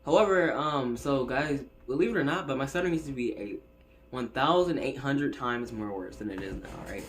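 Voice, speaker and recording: A seventeen-year-old YouTuber who stutters rambles casually on his vlog from his bedroom, full of fillers and restarts. His mid-range voice is fairly bright and moves a little fast, captured by a phone set up in the room.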